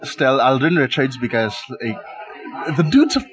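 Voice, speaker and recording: An excitable man co-hosting a casual chat, hyping things up and laughing. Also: medium pitch, a little slow, crowd noise, rough recording. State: talking with his mouth full. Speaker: podcast co-host. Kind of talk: casual chat about wrestling picks.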